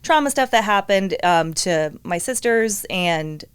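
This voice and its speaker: A woman's voice: medium pitch, lively intonation, measured pace, clean tone, no room sound. A woman born in England, a podcast guest talking candidly and chattily about her upbringing and career. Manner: candid, chatty, laughs often. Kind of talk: casual interview chat.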